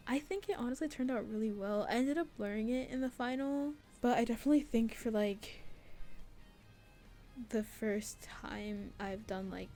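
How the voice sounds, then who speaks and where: A young adult woman, an artist and game maker narrating a devlog, gives a casual, rambling voice-over about her artwork, self-deprecating and giggly and full of "like." Her voice is mellow and on the high side.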